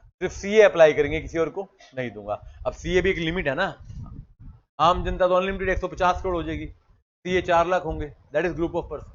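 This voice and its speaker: High-voiced chatty male law teacher. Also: moderate pace, muffled recording, a little hiss or hum. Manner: chatty, mixes English legal terms into Hindi, tells anecdotes. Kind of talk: classroom law lecture.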